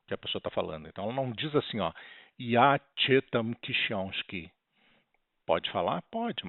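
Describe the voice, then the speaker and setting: A man with a Brazilian Portuguese accent teaching an online language lesson, explaining slowly and carefully. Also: lowish voice, dry recording. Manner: slow, explanatory, spells out words carefully. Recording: tinny, lo-fi and dry.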